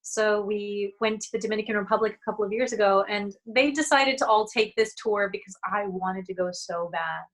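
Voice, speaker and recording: A woman being interviewed as a guest, telling lively stories and laughing often over a video call. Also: medium pitch, a little fast, few pauses, poor audio. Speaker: guest, singer and actress. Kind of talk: casual conversational interview.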